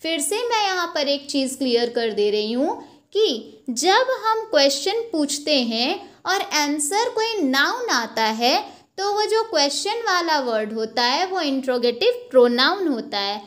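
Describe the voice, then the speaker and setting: A young woman teaching an English grammar lesson from slides, explaining slowly and checking in with "ok" after each point. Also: high-pitched, very animated, fairly bright tone. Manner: slow, explanatory, repeats points with "ok" and "theek hai". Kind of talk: slide-based lesson, Hindi with English terms.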